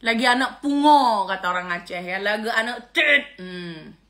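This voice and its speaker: A middle-aged woman talks straight to camera in a casual reaction rant, scornful and quick to exclaim in disgust. Her voice sits a little high and comes across bright and sharp. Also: expressive. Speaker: vlogger.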